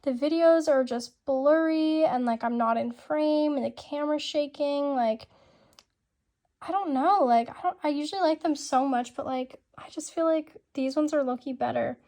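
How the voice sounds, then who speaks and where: Chatty high-voiced young woman with vocal fry. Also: moderate pace, a little mellow. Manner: chatty, filler-heavy, says "like" constantly. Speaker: horse rider narrating her show rounds. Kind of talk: casual voiceover commentary. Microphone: home-recorded voiceover.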